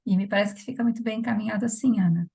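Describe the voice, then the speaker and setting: A woman's voice: medium pitch, racing, creaky, mellow, slightly rough. A woman, a professor coordinating the session, speaking courteously and formally. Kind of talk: formal online session remarks. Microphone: video call.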